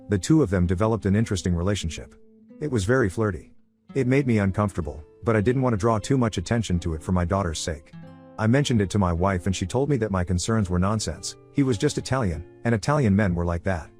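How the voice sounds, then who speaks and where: A man's voice: on the low side, a little mellow. A man reading a scripted first-person story as a narrator.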